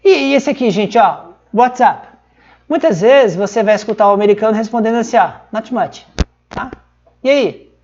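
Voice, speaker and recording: A woman's voice: a little high, expressive, moderate pace, a little mellow. A woman with a Brazilian accent giving a casual English lesson, chatty and full of little check-in words. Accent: Brazilian Portuguese. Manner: chatty, fills lines with "tá?" and "ó". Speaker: English teacher. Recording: slightly dull lo-fi sound.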